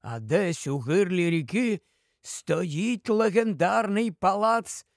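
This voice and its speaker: A man voicing a learned old male scholar who explains things in a calm, measured way, in an audiobook. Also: sits high, vocal fry, no room sound, clean studio sound, full character voice.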